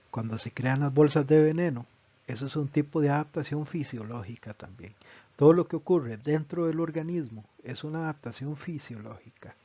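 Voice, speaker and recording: A man's voice: medium pitch, darkish tone, no room sound. A man teaching a biology lesson, explaining patiently and often checking in with the listener. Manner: patient, explanatory, often asks a tag question. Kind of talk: recorded online lesson. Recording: dull lo-fi, dry voice recording.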